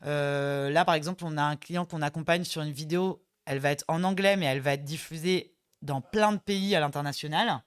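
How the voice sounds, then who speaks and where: A woman's voice: low voice, a little fast, hardly any pauses, smooth. A woman co-hosting a webinar, explaining things in a chatty, teasing way. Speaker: co-host of a company webinar. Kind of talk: casual webinar chat.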